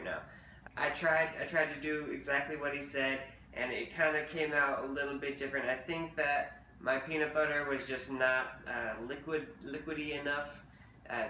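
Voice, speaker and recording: Man, casual diet vlogger, rambling and chatty, bright edge, roomy distant sound with faint ambience. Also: mid-range voice, slight background noise. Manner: rambling, chatty, fillers and restarts. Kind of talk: casual diet update vlog.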